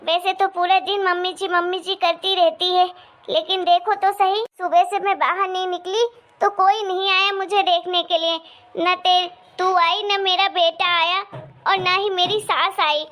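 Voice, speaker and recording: A woman's voice: very high voice, steady tone, measured pace, fairly bright tone. A woman voicing a harsh middle-aged mother-in-law in a cartoon story, sick with fever and scolding bitterly. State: feverish and in pain.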